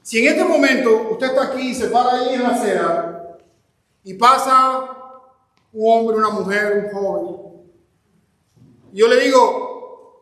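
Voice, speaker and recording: A man preaching a sermon as pastor, impassioned and speaking straight to his congregation, often rising to shouts. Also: very high-pitched. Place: church hall. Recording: echoey hall with long reverb.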